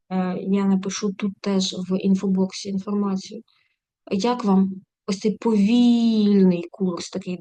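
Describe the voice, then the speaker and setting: A woman teaching a German grammar lesson online, chatty, with quick asides and slow, deliberate example sentences. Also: medium pitch, darkish tone, no room sound. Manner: chatty, switches quickly between explaining and asides. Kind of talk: live online language lesson.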